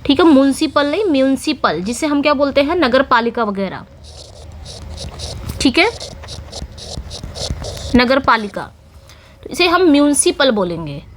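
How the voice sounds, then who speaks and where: Indian lady english teacher, high voice, spells stuff out slow letter by letter, lots of "theek hai". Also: very animated, a little hiss or hum. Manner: spells words out letter by letter slowly; explanatory, repeats words, many "theek hai" fillers. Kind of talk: exam-prep spelling lesson.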